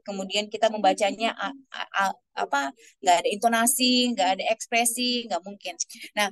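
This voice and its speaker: A woman speaker answering questions in an online webinar, chatty and explanatory, with many fillers and restarts. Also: on the high side.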